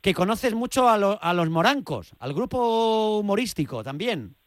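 A man's voice: sits high, sing-song, normal speed, no echo. A man with a Castilian Spanish accent hosting chatty, jokey radio banter, often repeating words for emphasis. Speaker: radio host.

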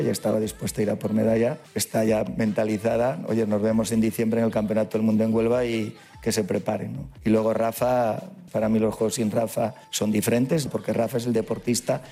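A man's voice: on the low side, gravelly. A man giving his view on absent athletes as a radio sports commentator. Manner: quick, flat, opinionated.

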